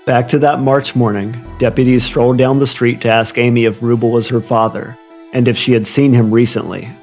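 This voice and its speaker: A man's voice: medium pitch, fairly even intonation, a little fast, a little mellow. A man narrating a scripted true crime story in an ominous, literary storytelling manner. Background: music under the voice.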